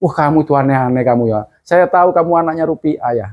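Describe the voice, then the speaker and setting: A man's voice: on the high side, fast talker, dull audio, natural voice. A man putting on a kindly old Quran teacher woman. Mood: amused, gentle. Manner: gently amused, soothing. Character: kindly older female village Quran teacher.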